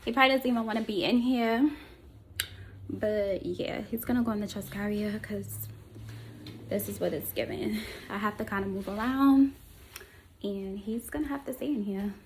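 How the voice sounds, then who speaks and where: Running errands on camera, a young New York-accented woman from Queens rambles casually to her followers in a shop-along vlog. Her voice is medium in pitch at a moderate pace. The low-quality audio carries a little hiss or hum.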